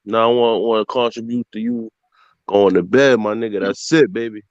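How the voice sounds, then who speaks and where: A man's voice: on the low side, steady tone, moderate pace, no echo, lo-fi sound. A man with a Brooklyn accent bantering casually in street slang, teasing and repeating himself as he cuts in. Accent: Brooklyn, New York. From Brooklyn, New York, USA. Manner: repetitive, teasing, interjecting.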